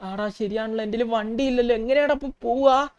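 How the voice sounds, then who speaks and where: Woman doing an excitable young hustler, talks nonstop thru the game, kinda high voice. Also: a little fast, clean tone, lo-fi sound, close to an everyday voice. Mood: excited. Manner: excitable, chatty, talking through gameplay. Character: excitable young adult male street hustler. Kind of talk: gameplay voice role-play.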